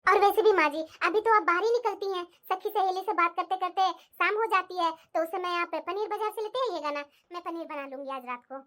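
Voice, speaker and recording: A woman's voice: very high-pitched, a little fast, few pauses, fairly bright tone. A woman voicing a young, clever daughter-in-law who mutters asides and speaks politely to her mother-in-law. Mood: coaxing. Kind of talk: cartoon voice acting.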